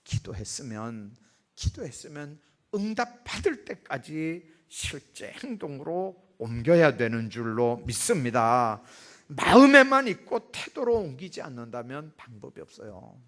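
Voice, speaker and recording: A man preaching in a church sanctuary, his pitch swinging widely as he builds each point. He tells stories with lively acted-out quotes and rising emphasis, a pastor in full sermon. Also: a little slow.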